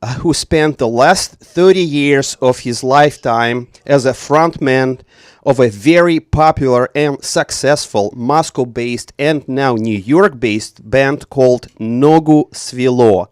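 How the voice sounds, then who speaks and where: A man hosts a live radio show at a middle pitch. He speaks formally and pauses on many fillers. The recording is dry and close, from a small studio. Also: clean tone, no room sound. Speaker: radio host.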